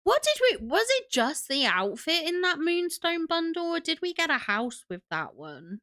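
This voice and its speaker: A woman's voice: extremely high pitch, very animated, normal speed, pushed and bright. A young woman hosting a casual livestream, sniffly from a cold, gushing and chatty as she greets viewers. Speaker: livestream host.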